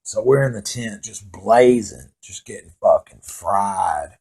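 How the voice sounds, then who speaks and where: A middle-aged man with a gravelly, slightly raspy, lowish voice rambles loosely through a story, swearing constantly. He chuckles at his own tale now and then, keeping a plain, casual pace that is slow and a little mellow.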